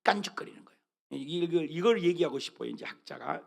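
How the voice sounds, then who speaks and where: A man's voice: on the high side, expressive, quick pace, vocal fry. A man preaching a sermon as pastor, emphatic and constantly quizzing his congregation as they read scripture together. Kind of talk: sermon with call-and-response scripture reading. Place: church sanctuary.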